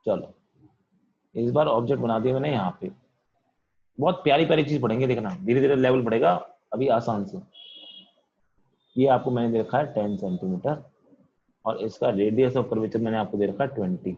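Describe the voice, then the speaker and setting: A physics teacher speaking, leading an online class in a loud voice that he says is straining from all the shouting. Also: mid-range voice, moderate pace, pauses often, highs cut off. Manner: talks loudly to students, says he is shouting. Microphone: computer mic on video call.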